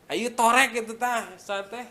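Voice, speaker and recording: A man's voice: extremely high pitch, steady tone, measured pace, pushed and bright. A man with a Sundanese accent giving a casual religious lesson, talking conversationally and reciting Arabic phrases. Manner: conversational, mixing in local words and Arabic recitation. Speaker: Islamic religious teacher.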